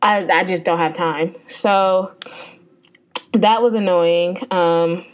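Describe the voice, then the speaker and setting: A woman's voice: lowish voice, steady tone, takes it slowly, smooth. A woman hosting a podcast, telling a story in a rambling, profane, exasperated way. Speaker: podcast host. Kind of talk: casual storytelling.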